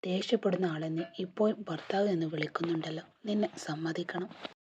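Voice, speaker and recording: A woman voicing a frank, protective female friend in a husky, breathy voice. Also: on the low side, steady tone, brisk, a little mellow, a little hiss or hum, close to an everyday voice. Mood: blunt, frank. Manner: blunt, frank. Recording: dull lo-fi recording.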